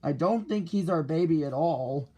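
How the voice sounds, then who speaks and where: A man's voice: on the high side, lively intonation, moderate pace, warm tone. A man reading the lines of a fussy, worried mother bird in a storybook, in a doubtful, anxious manner.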